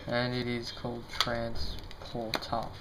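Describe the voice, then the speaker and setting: A man's voice: mid-range voice, monotone, slow pace. A young man casually presenting to camera as an amateur magician, informal, tentative and self-deprecating, at a table indoors. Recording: noisy home recording, card shuffling sounds.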